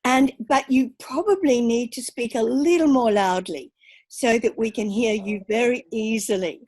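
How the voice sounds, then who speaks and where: A woman's voice: a little high, moderate pace, darkish tone, no echo, poor audio. A woman hosting an online club meeting over video call, cheerful as she introduces and coaxes the guests. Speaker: meeting host.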